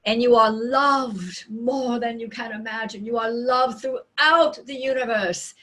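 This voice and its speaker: A woman speaking as a seance medium in trance, voicing a loving, serene spirit collective with solemn, deliberate phrasing and dramatic pauses. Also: fairly high pitch, steady tone, a bit bright. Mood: loving, exalted.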